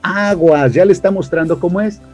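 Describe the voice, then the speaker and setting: A man with a Mexican accent giving a church marriage workshop, speaking in a lively, preachy way and calling the audience brothers. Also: high voice, moderate pace, soft background music. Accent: Mexican Spanish. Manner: animated, addresses listeners as brothers, acts out quotes.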